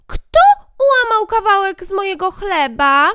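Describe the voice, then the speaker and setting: A woman doing squeaky little storybook dwarfs. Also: lively intonation, unhurried, pushed and bright, dry recording, clean studio sound, full character voice. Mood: astonished. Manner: high squeaky exclaiming. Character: seven tiny excited dwarfs, squeaky and fussy.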